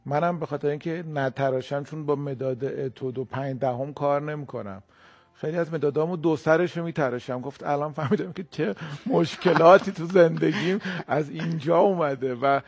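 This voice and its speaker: A man's voice: a little high, a little mellow. Friendly male talk show host. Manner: friendly, encouraging interjections.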